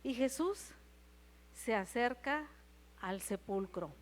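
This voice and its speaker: A woman's voice: fairly high pitch, animated, slow pace. A woman with a Mexican accent preaching a Sunday sermon in church. She retells scripture and keeps asking the congregation questions. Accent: Mexican Spanish. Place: church service.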